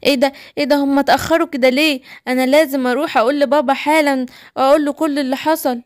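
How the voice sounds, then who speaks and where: A woman's voice: high voice, fairly even intonation, very fast, lightly acted. A woman with an Egyptian accent voicing a timid, worried young lion cub. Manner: anxious, calling out.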